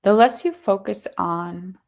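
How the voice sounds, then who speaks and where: A woman acting as a seance medium in trance, voicing a serene collective of spirits in measured, solemn pronouncements. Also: medium pitch, vocal fry, darkish tone, pitched above the performer's own voice. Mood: solemn, encouraging. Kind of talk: trance channeling message.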